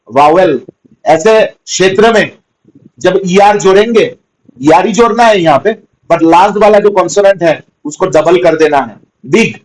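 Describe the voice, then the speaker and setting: Man, teacher, slightly high voice, patient, repetitive, spells words aloud. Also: poor audio. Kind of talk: grammar lesson.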